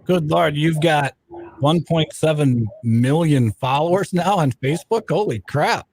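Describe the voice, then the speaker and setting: A man's voice: fairly high pitch, measured pace, darkish tone, slight background noise. A man hosting a casual radio interview in an enthusiastic, fan-like manner.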